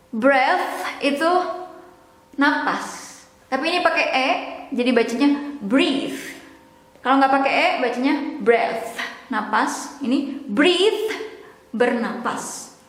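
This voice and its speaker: High-voiced woman teaching in an echoey room. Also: a bit bright. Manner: explains slowly, repeating words and joking. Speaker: English teacher. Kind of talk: casual language lesson. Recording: echoey room with long reverb.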